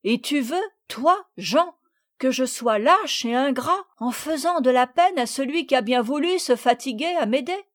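A woman voicing an eager, earnest little boy of seven in a storybook reading, speaking with lively, heartfelt pleading. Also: high voice, unhurried, no room sound, clean studio sound.

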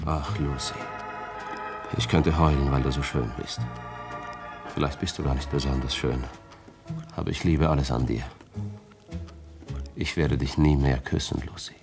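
A man's voice: a bass voice, steady tone, a little slow, long pauses, over music. An actor playing a distraught husband who fears he is dying, pleading and agitated in a radio play. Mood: desperate tenderness. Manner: agitated, pleading, swings between harsh and tender. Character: distraught husband, drunk-seeming, dying and afraid. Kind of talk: 1950s German radio play acting.

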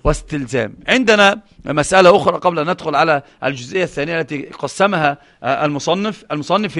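A man teaches a religious lesson in a high, ringing voice. He moves between recited verses and explanation, putting questions to his listeners and answering them himself. His speech is full of restarts and repeated words. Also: fairly bright tone. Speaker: Islamic scholar teaching a book.

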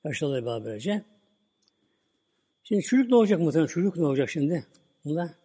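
A male preacher retelling a story at a relaxed pace and tagging lines with the same filler word as he goes. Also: a little high, quick pace, husky. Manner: relaxed retelling, "böyle" at line ends. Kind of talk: religious talk with storytelling. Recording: long hall reverb.

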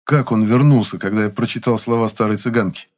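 A man narrating a first-person audiobook in an even, dry storytelling manner. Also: on the low side, a little fast.

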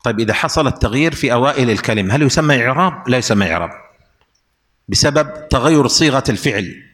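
A man's voice: medium pitch, expressive, fast, a bit bright, in a large hall. A man teaching an Arabic grammar lesson, explaining rules through repeated examples and questions to his students.

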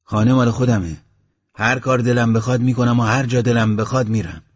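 A man's voice: medium pitch, steady tone, breathy edge, pitched above the performer's own voice, natural voice. A man voicing a stubborn, grieving village man who answers curtly, in a dull lo-fi audiobook recording. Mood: defiant. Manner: curt, defiant replies.

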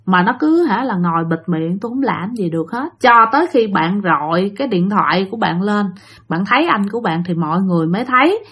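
A woman's voice: medium pitch, very animated, a little fast, breathy edge. Chatty Southern Vietnamese woman telling ghost stories. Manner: chatty, addresses listeners directly. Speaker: storyteller host. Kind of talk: casual spoken ghost-story narration.

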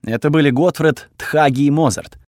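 A man narrating a first-person fantasy audiobook in a steady, measured way. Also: fairly high pitch, no room sound, clean studio sound.

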